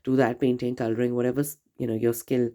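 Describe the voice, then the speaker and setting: Gravelly-voiced woman reading tarot. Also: a bass voice, level tone, quick pace. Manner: gentle, reassuring, speaks straight to the viewer. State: nasal from a cold and congestion. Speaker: tarot reader. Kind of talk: casual tarot reading to camera.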